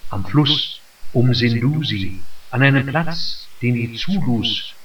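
A man reads a first-person memoir aloud, slow and measured. The sound is dull and roomy, as if the mic sits a distance away on an old radio broadcast. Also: mid-range voice, lively intonation, fairly bright tone.

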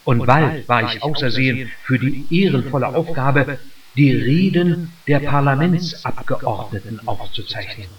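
A man reads a first-person memoir aloud, slow and measured. The sound is dull and roomy, as if the mic sits a distance away on an old radio broadcast. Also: medium pitch, animated.

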